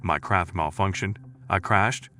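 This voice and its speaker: A man's voice: deep voice, measured pace, sharp tone. A man voicing a shivering female alien castaway with a dry, sarcastic, clipped way of talking, in a storybook reading. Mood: weary, sarcastic.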